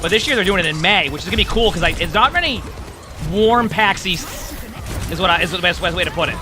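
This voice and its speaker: A quick-talking man with a fairly high voice chats to his stream audience over livestream headset audio. He rambles, fills the gaps with "like", and restarts his sentences. Game music plays clearly behind him. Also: expressive. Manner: rambling, filler-heavy, frequent restarts. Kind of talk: casual chat to stream viewers while gaming.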